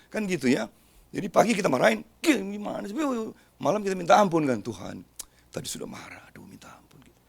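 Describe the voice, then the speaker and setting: A man's voice: high-pitched, creaky. A middle-aged male pastor preaching a sermon, joking and speaking directly to his congregation. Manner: lively, joking, talks straight to the congregation.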